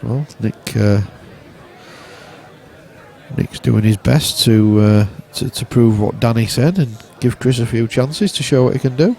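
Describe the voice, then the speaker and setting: Man, low, dark gravelly voice, teasing snooker commentator, club stream. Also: unhurried, a faint crowd. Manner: wry, teasing, chatty. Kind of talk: relaxed live sports commentary.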